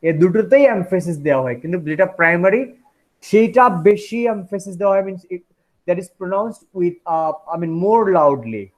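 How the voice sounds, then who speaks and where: A man's voice: sits high, darkish tone. A man teaching an English phonetics class, switching between Bengali and English and often asking whether the students follow. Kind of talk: classroom lecture.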